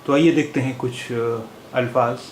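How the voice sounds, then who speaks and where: A man teaching a language lesson, pausing on fillers and repeating each word several times. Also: medium pitch, fairly even intonation. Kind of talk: slow explanatory lesson. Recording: echoey room with faint hiss.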